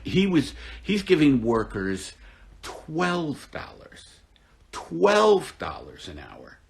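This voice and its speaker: A middle-aged man hosting a casual live-stream, talking in a dry, deadpan, mock-gloomy, rambling way. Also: mid-range voice.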